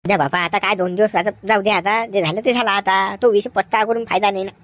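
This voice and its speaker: A woman acting in a village comedy skit, questioning and calming in a chattering way. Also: medium pitch, fast, natural voice. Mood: lamenting. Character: village woman, then police constable.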